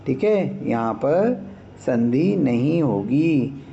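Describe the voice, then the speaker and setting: Slow, gravelly male grammar teacher. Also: medium pitch, lively intonation, warm tone, lo-fi sound, slight background noise. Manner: patient, checks understanding, demonstrates sounds aloud. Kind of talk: online lesson explaining grammar.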